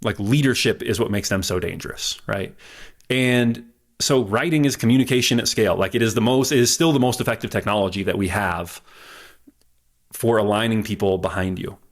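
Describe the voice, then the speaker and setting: A man's voice: lowish voice, fairly quick. A man who is an interview guest, explaining confidently and posing rhetorical questions as he talks. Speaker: guest, history enthusiast.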